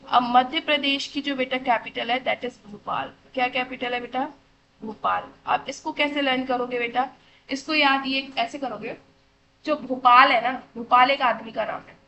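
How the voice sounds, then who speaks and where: With highs cut off and a little hiss or hum in the audio, a woman speaks in a high-pitched, pushed, bright voice at normal speed and a steady tone. Teaching a children's classroom lesson, she answers her own questions, calls the children "beta," and keeps checking with "theek hai."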